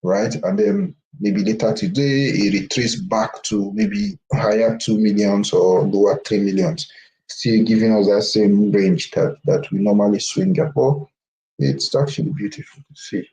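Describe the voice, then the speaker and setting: A man speaks over a video call with a low, mellow voice. He talks through trades loosely, restarting phrases and tagging them with "right?". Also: measured pace, rough recording. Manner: loose talk with frequent restarts and "right?" tags. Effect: voice heard over a video call. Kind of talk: casual market discussion.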